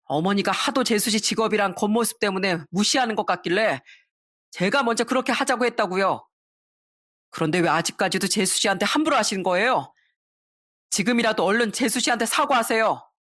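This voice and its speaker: A woman's voice: mid-range voice, brisk, a bit bright, no echo, clean studio sound, close to an everyday voice. A woman voicing an elder brother-in-law who firmly scolds his mother. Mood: reproachful. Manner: firm, reproachful. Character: adult man, elder brother-in-law, firm and fair.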